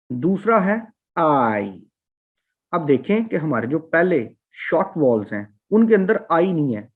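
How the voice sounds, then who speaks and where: A male lecturer, pitched a little high, walks through English vowel sounds at a slow, patient pace. He stops to repeat each sound several times. The audio is thin and phone-like, as if recorded on a cheap line. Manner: slow, repetitive, demonstrating vowel sounds aloud.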